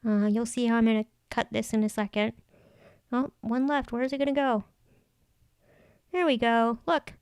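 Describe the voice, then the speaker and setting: Clear, higher-voiced woman chatting through crafts. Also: steady tone, moderate pace, pauses often, darkish tone, no echo, studio quality. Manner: chatty, thinking aloud. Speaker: craft vlog host. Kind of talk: casual planner tutorial narration.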